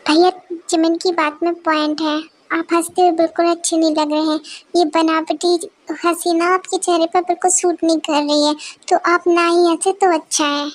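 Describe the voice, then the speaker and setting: A woman's voice: very high voice, flat delivery, moderate pace. A woman voicing a fretful, complaining young woman caught between two people arguing, in a fan-dubbed romance audio story. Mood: teasing. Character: exasperated young woman, the brother's sister.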